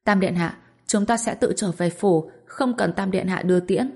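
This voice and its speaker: A protective young nobleman, tense and urgent, his anger kept low, as a woman narrator puts him on. The voice sits a little higher than her plain narration. It suits a storybook audio drama. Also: normal speed, creaky, darkish tone, slightly rough. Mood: guarded.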